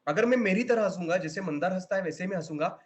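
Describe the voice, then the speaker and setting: A man's voice: high-pitched, quick pace. A man with an Indian accent teaching a children's online acting class over a video call. He acts out the laughs as he explains them. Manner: animated, demonstrating laughs. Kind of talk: online class, mixing Hindi and English.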